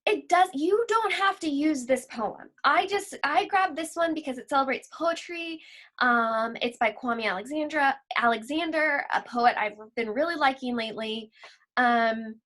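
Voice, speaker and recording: This high, somewhat bright female voice belongs to a teacher leading a lesson for kids. She keeps her explanations simple and reads aloud slowly and deliberately, much as a school librarian would.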